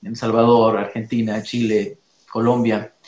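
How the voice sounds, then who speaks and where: A man's voice: lowish voice, little pitch movement, unhurried, a little mellow. A man hosting a question-and-answer chat, reading out listener questions in an easygoing way, sometimes restarting as he frames them. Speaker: host. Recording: roomy echoey room sound.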